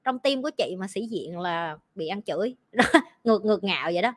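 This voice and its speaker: A woman's voice: medium pitch, lively intonation. A woman hosting a livestream, chatting bluntly and teasingly with her team. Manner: blunt, teasing, talks fast in bursts. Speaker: livestream host. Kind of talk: casual livestream chat with team.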